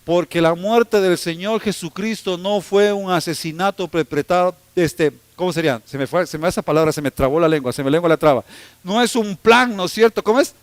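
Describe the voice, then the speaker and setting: A man's voice: sits high, fairly quick, dry recording. A man preaching a sermon as pastor, telling stories with humor and teasing the congregation. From Ecuador. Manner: humorous, storytelling preacher who teases the congregation.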